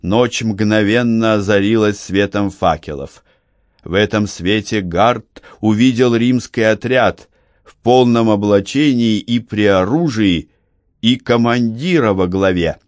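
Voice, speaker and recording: A man reading an adventure novel aloud as an audiobook narrator, in a measured, steady way. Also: lowish voice, no echo, studio quality. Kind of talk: scripted narration.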